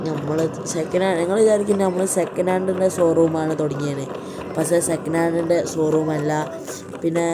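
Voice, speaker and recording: A woman chatting casually as a vlogger, mixing English words into her talk and often addressing viewers as guys. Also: low-pitched. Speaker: vlogger giving a showroom tour. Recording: loud car and engine noise.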